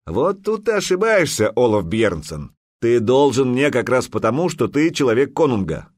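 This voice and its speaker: A man's voice: medium pitch, big pitch swings, normal speed, no room sound, studio quality. Man doing a proud hot-headed viking jarl, roaring, big swings in voice. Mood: commanding. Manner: roaring, forceful commands.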